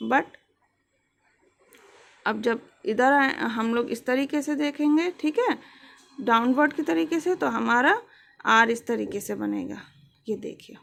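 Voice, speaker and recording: A woman teaches a shorthand lesson at a very slow, deliberate pace. Her voice sits a little high and carries a strong gravelly fry. She reads English textbook lines word by word and then explains them in Hindi.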